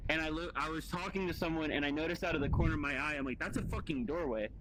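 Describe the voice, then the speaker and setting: A man chats casually with a friend in a roleplay community, thinking aloud and stumbling over restarts. His voice sits a little higher than average, and he swears offhandedly. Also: steady tone, very fast, background noise. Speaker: roleplay player. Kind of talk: casual chat.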